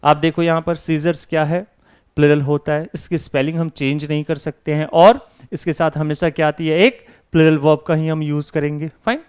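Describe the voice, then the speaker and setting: A man's voice: on the high side, fairly even intonation, a little fast, a little mellow, clean tone. A man teaching English grammar in Hindi, asking and answering his own questions as if voicing his students. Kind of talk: classroom lesson.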